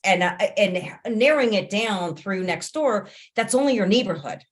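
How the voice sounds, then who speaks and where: A woman's voice: medium pitch, expressive, normal speed. A woman hosting a casual group discussion on a video call, moderating as a realtor trainer.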